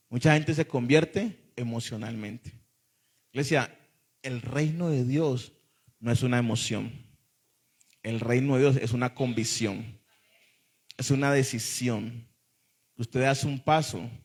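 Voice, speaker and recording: A man, a pastor preaching a sermon to a congregation in church, emphatic and often calling out to the listeners. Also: mid-range voice.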